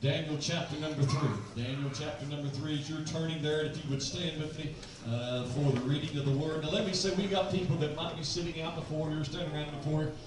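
A man's voice: fairly high pitch, steady tone, background noise. Folksy preacher in his fifties. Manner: folksy, quick, repeats phrases. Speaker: pastor. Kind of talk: sermon. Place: church sanctuary, large room. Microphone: handheld mic at a pulpit. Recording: roomy church sound from far off.

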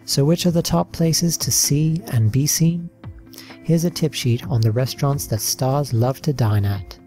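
A man's voice: medium pitch, a little slow, warm tone, soft background music. Man reading a slideshow narration. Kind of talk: read-aloud narration over a slideshow.

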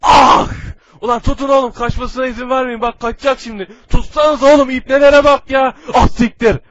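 A man voicing a furious, crudely swearing man caught in nets, for a comedic fan dub, shouting constantly. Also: very high-pitched, steady tone, normal speed, no room sound, muffled recording. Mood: raging. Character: furious foul-mouthed man trapped in nets.

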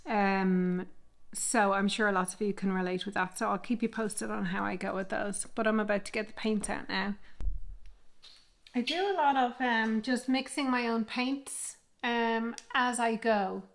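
A woman's voice: mid-range voice, fairly even intonation, a little slow. A woman in her fifties, an artist chatting candidly and reflectively in a casual vlog from her home studio. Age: 50s. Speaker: artist vlogger. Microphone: microphone she moves away from and back to.

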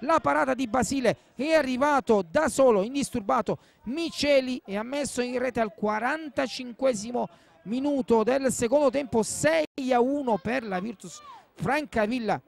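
Very high-pitched male commentator. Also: moderate pace, vocal fry. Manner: repeats names and phrases as the action builds. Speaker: football match commentator. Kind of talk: excited live football commentary.

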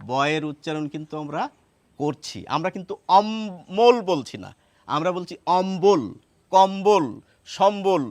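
High, lively male teacher. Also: no echo. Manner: explains step by step, asks rhetorical questions; repeats words slowly to show pronunciation. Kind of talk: lesson.

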